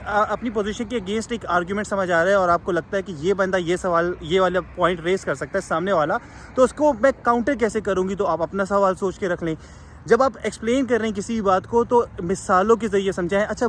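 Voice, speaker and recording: A woman's voice: mid-range voice, slight background noise. A woman tutoring exam candidates in a spoken advice lesson. She switches languages mid-sentence and keeps checking in with her listeners.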